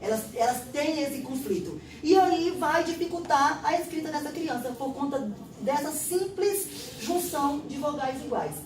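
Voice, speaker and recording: A woman's voice: high voice, expressive, normal speed, noisy background. A woman with a Brazilian Portuguese accent, a literacy teacher explaining a classroom test step by step and acting out exchanges with pupils. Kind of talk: instructional explanation. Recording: roomy echo, distant mic.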